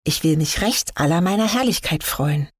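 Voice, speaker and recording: A woman's voice: deep voice, animated, moderate pace, slightly rough, no echo, studio quality. Woman voicing a naive, longing fir tree. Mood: hopeful. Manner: wondering, questioning tone.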